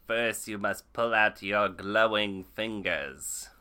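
A man voicing a pompous male alien, stranded after a crash, who talks in a loud, stiff, announcer-like way in improvised comedy. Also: fairly low pitch, slow pace, clear, resonant tone, full character voice. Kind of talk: improvised comedy role-play.

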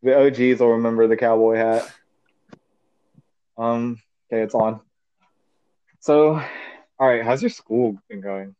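This teen podcast co-host phones in, and the call audio comes through muffled and dry. He has a medium-pitched, dark, clear, resonant voice and a steady tone, speaking a little slowly with frequent pauses. He rambles loosely, full of "like".

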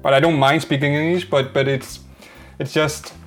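A man's voice: on the high side, flat delivery, normal speed, soft background music. A man with a Danish accent, a native Danish speaker hosting a casual interview, speaking hesitantly with many restarts and fillers. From Denmark.

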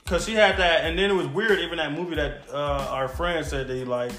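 A man's voice: on the high side, fairly quick, echoey room, soft background music. A man co-hosting a podcast in casual chat, joking around. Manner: joking, quotes comedy bits in loud put-on voices. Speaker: podcast co-host.

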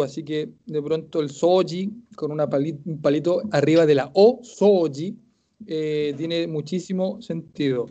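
A man's voice: fairly high pitch, warm tone, lo-fi sound. A man with a Chilean accent teaching a live-streamed class, methodically reciting verb forms aloud while checking homework, with self-mocking humor. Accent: Chilean Spanish. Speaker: Japanese language teacher.

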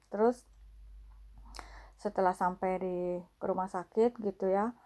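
Mellow-voiced woman, halting testimony. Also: mid-range voice, fairly even intonation. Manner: halting, many fillers, repeats phrases. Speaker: vlogger sharing a faith testimony. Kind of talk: casual spoken testimony.

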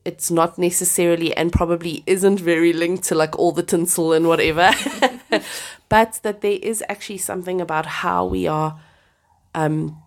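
A woman's voice: fairly low pitch, fairly even intonation, normal speed. Enthusiastic woman with a stuffy cold voice. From Southern Hemisphere. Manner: enthusiastic, laughs often. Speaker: podcast co-host. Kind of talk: casual faith chat.

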